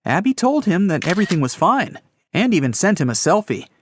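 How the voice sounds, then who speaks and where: A man narrating riddle stories in a scripted, lively storytelling way. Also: high voice, a little fast, dry recording.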